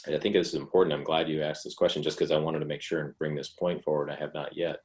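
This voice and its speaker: A man presenting a talk and answering questions in an online session, explaining in a relaxed conversational way with frequent restarts. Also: very deep voice, quick pace.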